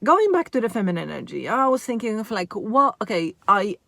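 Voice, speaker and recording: A woman's voice: medium pitch, very animated, brisk, vocal fry, pushed and bright, dry recording. A woman who is a mother of four, talking to camera in a casual, reflective monologue and often checking in with "right?". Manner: musing, often asks "right?" and says "like, you know".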